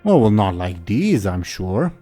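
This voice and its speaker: An oily, scheming court vizier, acted out by a male game master. He is haughty and condescending, calculating as he talks, in a lowish, softly dark voice over faint music. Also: big pitch swings, a little slow.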